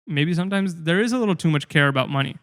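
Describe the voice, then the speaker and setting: A man's voice: a little high, lively intonation, very fast, fairly bright tone. A young man talking earnestly and reflectively in a casual discussion, with frequent fillers and restarts.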